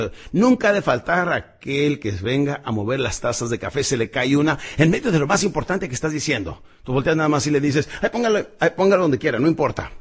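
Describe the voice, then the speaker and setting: Animated husky man coaching. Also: mid-range voice. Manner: animated, with big swings from loud to hushed; addresses the listener directly as champion. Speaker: public speaking coach. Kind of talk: motivational lesson.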